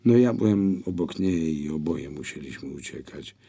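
Hesitant young guest, quiet and apologetic, read by a husky low voice. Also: male voice, expressive, normal speed, heavily acted.

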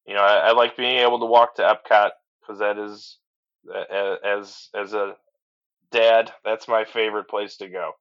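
A podcast guest, a middle-aged owner of a transport business, gives a casual interview chat full of enthusiasm, restarts and "you know"s. He speaks low with little pitch movement, at a moderate pace and in a fairly bright tone. The audio is slightly dull lo-fi.

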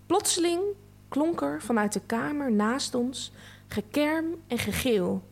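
Slow, measured woman reading aloud. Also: high voice, lively intonation, creaky. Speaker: reader.

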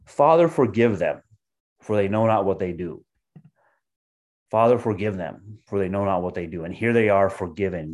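A man with a somewhat low voice leads a short devotional sermon. He reads scripture aloud and explains it in a steady, teaching manner. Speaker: pastor.

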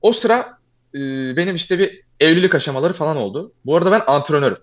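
A young man telling a long personal story in casual chat, fast and animated, often calling the listener "abi". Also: a little high, lo-fi sound.

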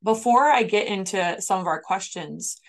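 A woman's voice: medium pitch, normal speed. A woman hosting an interview podcast in an informal, chatty and polite way.

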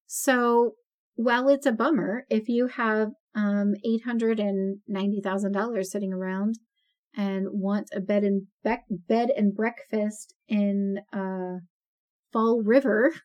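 Recorded with lo-fi sound, this woman has a medium pitch, a steady tone, and a slow delivery. She's in her forties, co-hosting a podcast where she talks freely, laughs frequently, and uses many fillers.

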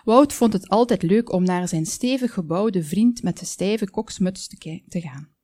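A woman calmly reading a children's story aloud, with small slips now and then. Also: medium pitch, normal speed, no echo. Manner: calm, with small slips and asides.

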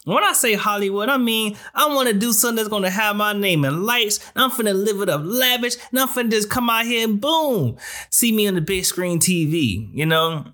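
A male host talks informally to his viewers in a high, bright voice. His delivery is slangy and conversational, checking in with the listener as he gives advice. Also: lively intonation, brisk. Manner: informal slangy talk, often addressing listener with "you know". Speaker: online show host. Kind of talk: casual chatty advice to viewers.

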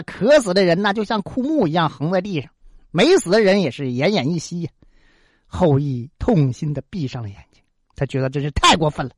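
A storyteller narrating a folk tale in a lively, chatty way, full of exclamations and asides. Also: mid-range voice, no room sound, clean studio sound.

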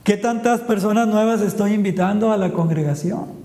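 A man's voice: high-pitched, moderate pace, mellow. A man preaching a sermon in a church, calling his listeners "brothers" again and again and reading scripture aloud. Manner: addresses listeners as "hermanos" constantly; reads scripture verses aloud. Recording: echoey hall with long reverb.

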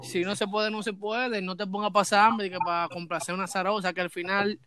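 A high-voiced man chimes in with wry exclamations during a casual chat. Loud crowd noise runs behind him. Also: flat delivery, fairly quick.

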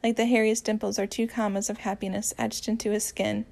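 A woman reads a romance story aloud in a gentle, even manner and shifts her voice a little for each character's lines. Her voice sits at a middle pitch and has a gravelly, creaky edge. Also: brisk. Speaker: audiobook narrator.

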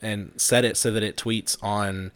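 A man's voice: fairly low pitch, fairly even intonation, a little slow, a bit bright, clean tone. A man in his thirties hosting a podcast, chatting casually and rambling with fillers and restarts. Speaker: podcast host. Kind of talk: casual chat.

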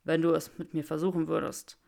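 In a fan story reading, a woman voices a nervous young wizard who halts and stammers over his words. Her pitch sits a little low, gravelly and rough at the edges, slightly mellow, with a flat delivery.

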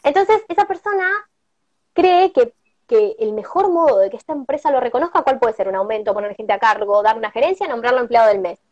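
A woman's voice: a little high, animated, a little fast, darkish tone, no echo. Argentine woman, earnest prosperity talk. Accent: Argentine Rioplatense Spanish. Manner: earnest, explains with personal stories and tag questions. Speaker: prosperity workshop guest speaker. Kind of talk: motivational talk on a live stream. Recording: dull lo-fi stream audio.

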